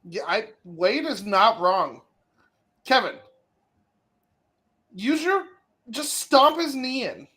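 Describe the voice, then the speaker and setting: A co-host chats casually through a watch-along, with a mid-pitched voice that jumps around a lot. The delivery is playful, often calling out to the wrestlers on screen. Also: animated, takes it slowly, pauses often, pushed and bright. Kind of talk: casual chat.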